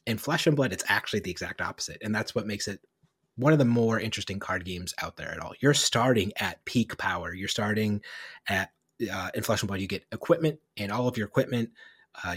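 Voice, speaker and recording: A man co-hosting a podcast, talking casually and animatedly, with quick asides and self-corrections. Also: on the low side, a bit bright, breathy edge, no echo, studio quality. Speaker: podcast co-host. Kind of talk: casual chat.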